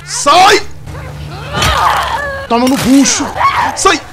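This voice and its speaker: Excitable young gamer. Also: male voice, sits high, normal speed, very noisy. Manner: excitable, yelling and swearing at enemies, then dropping to a hushed mutter. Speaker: gaming YouTuber. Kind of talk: live gameplay commentary. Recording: loud game audio under the voice. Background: loud gunfire and game sounds.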